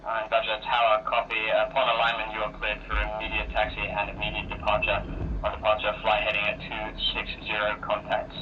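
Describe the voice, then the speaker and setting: A man's voice: fairly low pitch, monotone, fairly quick, over music. A man acting as air traffic controller, giving clipped, procedural calls over a radio. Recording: distant, muffled noisy radio.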